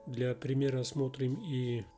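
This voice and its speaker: A man's voice: medium pitch, fairly even intonation, measured pace, over loud music. A man narrating a product review voice-over in an explanatory, matter-of-fact way. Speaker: radio reviewer.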